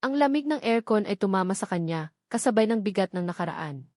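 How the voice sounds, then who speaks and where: A woman with a Filipino accent reads a dramatic, scripted romance story as narrator, her delivery expressive and a little fast. Her medium-pitched voice sounds slightly mellow, and the studio-quality recording is dry.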